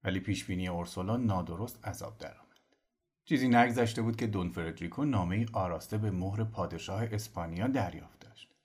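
A man narrating a novel as an audiobook in an expressive storytelling manner. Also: low voice, breathy edge. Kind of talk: scripted narration.

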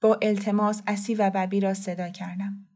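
A woman reads a story aloud in a calm, measured, soft voice. Her narration is steady and unhurried, in a middle pitch. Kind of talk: scripted audiobook narration.

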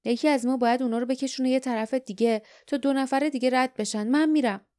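A woman's voice: sits high, fairly even intonation, dark tone, voice pushed up, close to an everyday voice. A woman reading as a blunt young heroine. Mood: urgent. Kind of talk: audiobook dialogue.

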